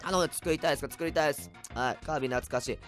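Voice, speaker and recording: A man chatting on a casual home livestream, a bit tipsy, reading comments with a rambling, erratic manner and sudden loud outbursts. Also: on the high side, racing, soft background music. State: tipsy from drinks. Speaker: livestreamer, band vocalist. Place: at home, indoors. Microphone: cheap desk mic.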